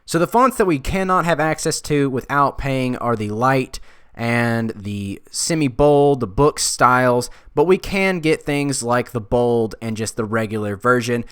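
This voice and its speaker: Young man, smooth clear tone, dry close sound, relaxed, lots of uhs. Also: mid-range voice, measured pace, dry recording. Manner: relaxed, thinking aloud with frequent uhs. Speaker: design video creator. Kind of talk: casual screen-recorded tutorial talk.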